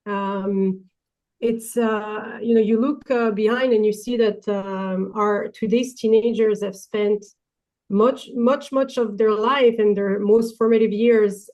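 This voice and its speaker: Female webinar host. Delicate, light delivery, hesitant and pause-filled, mid-range pitch. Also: mellow, low-quality recording. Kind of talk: spoken welcome and introduction to an online talk.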